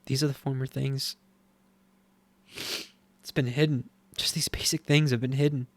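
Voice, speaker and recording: A man teaching scripture and reading it aloud, earnest and halting, with frequent restarts and moments of strong feeling. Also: medium pitch, little pitch movement, dry recording. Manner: easily moved, voice swelling with feeling. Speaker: Bible teacher.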